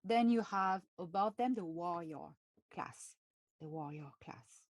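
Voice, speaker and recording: A woman with a French accent, hosting a live stream and talking in a halting way with many pauses and fillers. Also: fairly low pitch, animated, dry recording. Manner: halting, many fillers and restarts, laughs often. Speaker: channel host.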